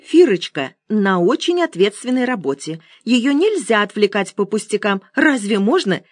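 A woman's voice: medium pitch, big pitch swings, moderate pace, no echo, clean studio sound, voice pushed up. A woman voicing a quarrelsome older wife who scolds indignantly. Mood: protective.

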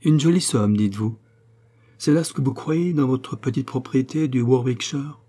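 A man's voice: moderate pace, dark tone, lightly acted. A man reading a novel aloud, voicing a scheming, sneering woman in a raised, mocking tone. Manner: sneering, mocking, shrill outbursts.

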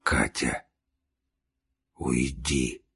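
A man voicing a gaunt dying man, bitter and mocking, who wheezes and rasps and forces out slow, halting words. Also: low-pitched, exaggerated voice. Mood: strained. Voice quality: wheezing, rasping. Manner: slow, strained, halting speech.

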